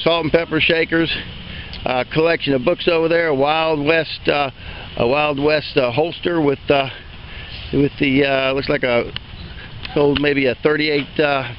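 An auctioneer walks outdoors through an open-air sale yard, giving an unscripted preview tour and listing items in a rambling, folksy way with many fillers. His voice is fairly high, the highs are cut off, and there's slight background noise.

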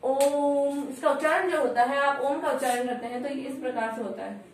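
A woman with a high-pitched voice teaches a grammar lesson at a moderate pace, repeating every point and answering her own questions. The room echoes, the mic is far off, and faint noise can be heard.

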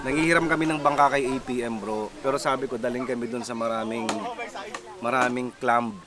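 A man's voice: mid-range voice, fairly even intonation, fairly quick, a loud crowd. A man bantering and teasing friends in casual chat at an outdoor lakeside campsite, with a bawdy joking manner.

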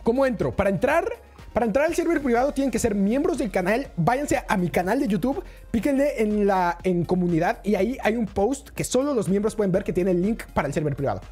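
A woman, live-streaming a game, excitable and chatty, talking straight to her chat. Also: medium pitch, brisk, slightly rough, soft background music.

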